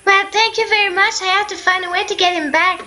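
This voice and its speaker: A woman's voice: very high voice, steady tone, fast, bright, forceful tone, soft background music, pitched above the performer's own voice. A woman voicing a young girl in a video game who is searching for her lost cat, speaking earnestly.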